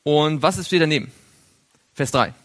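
A man's voice: a little high, normal speed, fairly bright tone. A man teaching a Bible study to a group, drawing on a board as he goes, asking questions and chuckling now and then. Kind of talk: interactive Bible study lesson.

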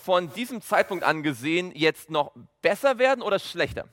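A man's voice: high voice, lively intonation, normal speed, a bit bright. A man interpreting a sermon phrase by phrase. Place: large reverberant hall. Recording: long hall reverb.

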